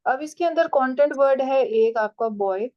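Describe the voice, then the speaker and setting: A woman's voice: high voice, expressive, normal speed, highs cut off. A woman teaching a writing and language class, explaining step by step and checking that her students follow.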